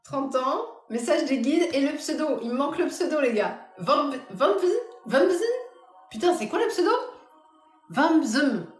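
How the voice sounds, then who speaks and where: Lively-voiced woman medium on a live stream. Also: sits high, measured pace, roomy sound, soft background music. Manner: casual, talks straight to the audience. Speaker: medium giving readings. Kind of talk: live-stream reading for viewers.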